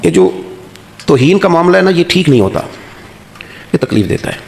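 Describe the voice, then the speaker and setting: A man giving an Islamic sermon in a storytelling preacher's manner. His voice climbs high and emphatic on key points and drops softly when he quotes parents and elders. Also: sing-song, creaky, crowd noise.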